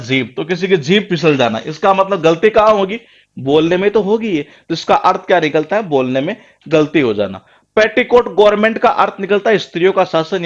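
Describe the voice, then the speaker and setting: Man, Rajasthani Hindi accent, coaching-class lecturer, repeats words and quizzes the class himself, slightly high voice, muffled lo-fi recording. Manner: rhetorical questions, answers them himself. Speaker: English teacher for exam prep.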